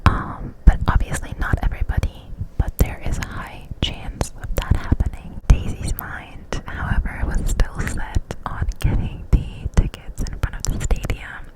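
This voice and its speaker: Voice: measured pace, hardly any pauses, rough recording. Unvoiced cupped-hand whisper, very close to the mic, casual ASMR storytelling. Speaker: ASMR creator.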